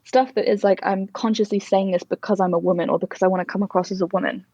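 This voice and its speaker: A woman's voice: mid-range voice, fairly even intonation, fast talker, warm tone, no echo. Young woman from Durham, posh English accent with northern short A's, reflective and conversational, close dry sound, a little muffled. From Durham, northern England. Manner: chatty, reflective. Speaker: interview guest, Oxford student. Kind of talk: casual conversation.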